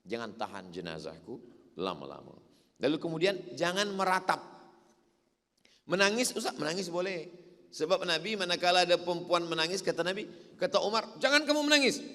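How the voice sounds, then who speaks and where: A man's voice: fairly high pitch, a little fast, long pauses. Man preaching in a reverberant hall. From Indonesia. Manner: animated storytelling, voicing the people in his stories. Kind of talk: sermon.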